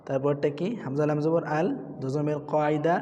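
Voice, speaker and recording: A man's voice: fairly high pitch, fairly even intonation, mellow, lo-fi sound. Patient male Quran reading teacher, drilling. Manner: patient, repetitive, spells letters then chants words in a raised drawn-out voice. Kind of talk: spelling out and drilling Quran recitation. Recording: reverberant room with faint background noise.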